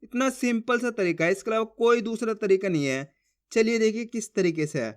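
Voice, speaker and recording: A man teaching beginners to read Hindi, sounding out syllables slowly and asking listeners to read along with him. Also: high voice. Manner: drawn-out syllables when sounding out words. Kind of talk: spoken lesson for beginners.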